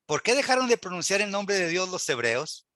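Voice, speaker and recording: High-voiced, bright man teaching. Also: sing-song, a little fast, no room sound. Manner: earnest, rhetorical questions, quotes scripture aloud. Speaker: Bible Hebrew teacher. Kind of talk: church class lecture.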